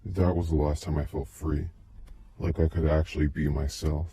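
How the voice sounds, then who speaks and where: A man telling a first-person tale as a recorded tape, his voice disguised by a deep pitch-shifting voice changer, in a slow, halting, brooding delivery. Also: level tone, background noise.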